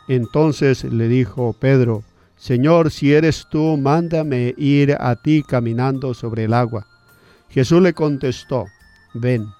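Male religious radio host, earnest careful reader, soft music faint behind. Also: medium pitch, no echo. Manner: earnest, careful reading with small hesitations. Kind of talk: reading scripture on religious radio.

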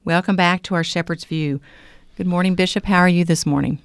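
A woman hosts a religious talk program in a conversational interview style. Her voice has a medium pitch. It is recorded dry, with hardly any room sound. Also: fairly even intonation, a little fast, clear, resonant tone, dry recording. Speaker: host.

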